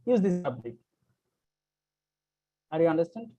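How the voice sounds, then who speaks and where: Bangladeshi-accented guy on a video call, talks real slow, keeps stopping to find his words. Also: fairly high pitch, big pitch swings, mellow, muffled recording. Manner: slow, searching for words, many fillers. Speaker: meeting attendee asking a question. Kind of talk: halting, hesitant speech.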